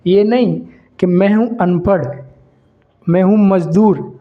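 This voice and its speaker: A man's voice: high voice, steady tone, takes it slowly. Emphatic man explaining to viewers, dull lo-fi sound. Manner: repetitive and emphatic, addresses viewers as brother. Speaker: business ideas channel host. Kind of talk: explaining to camera, casual lecture.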